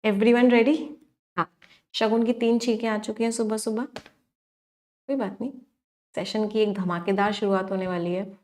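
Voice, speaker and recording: A young woman teaches exam vocabulary in a steady voice of middle pitch. She keeps asking her class questions and answers each one herself. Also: measured pace, pauses often. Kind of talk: exam-prep vocabulary lesson.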